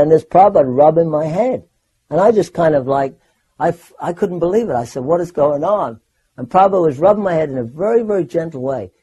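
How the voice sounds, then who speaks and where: An older man recounting personal memories in a rambling, animated way, often restarting his sentences. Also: on the high side, husky, low-quality recording. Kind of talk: personal anecdote storytelling.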